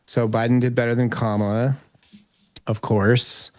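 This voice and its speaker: A man's voice: mid-range voice, flat delivery, a little slow, no echo, studio quality. A man speaking as an interview guest, giving conversational political analysis.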